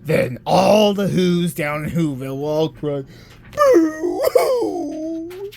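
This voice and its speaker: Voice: medium pitch, big pitch swings, takes it slowly, creaky, a little mellow, a little hiss or hum, heavily acted. A narrator voicing a sly, gloating male creature who hates the holidays, slick and mock-sweet, in storybook style. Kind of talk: storybook character voice.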